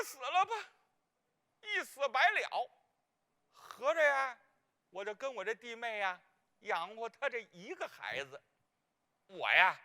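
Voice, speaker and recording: A performer in a Peking opera clown role plays a comic, gossipy married woman, speaking with a Beijing accent. Her mid-range voice is pushed and bright, and she rambles and bumbles along, fumbling names as she goes.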